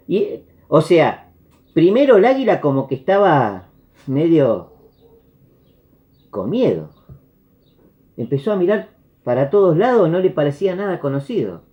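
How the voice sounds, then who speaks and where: A man's voice: on the high side, a little slow, long pauses. A man with a Rioplatense Spanish accent, preaching and telling a parable while acting out the characters' lines. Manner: animated storyteller, acts out characters' lines. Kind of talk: sermon parable storytelling. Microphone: video call. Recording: dull lo-fi video call audio.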